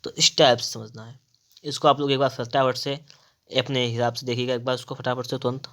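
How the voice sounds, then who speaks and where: A man's voice: mid-range voice, little pitch movement, a little fast, a bit bright. A man teaching a Hindi spelling lesson for exam preparation, repeating each word and asking and answering his own questions.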